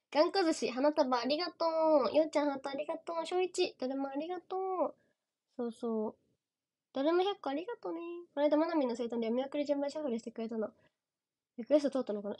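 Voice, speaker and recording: A young woman with a Kansai accent chats on a close mic in a casual livestream. Her voice sits high and bright. She is bubbly and giggly, and she keeps calling out viewers' names to thank them. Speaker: idol livestream host. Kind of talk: casual livestream chat reading viewer gifts.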